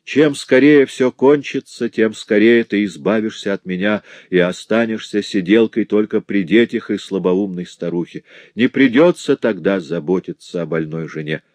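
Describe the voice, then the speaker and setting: A man's voice: fairly low pitch, moderate pace, few pauses, a little mellow, dry recording, close to an everyday voice. A man reading a novel aloud, voicing a bedridden sick wife in a plaintive, whining tone. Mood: bitter. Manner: plaintive, whiny.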